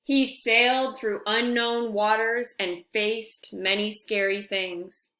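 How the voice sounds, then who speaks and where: A woman with a mid-range voice reads a picture book aloud to young children, phrasing things expressively and deliberately and adding friendly asides. The sound is roomy.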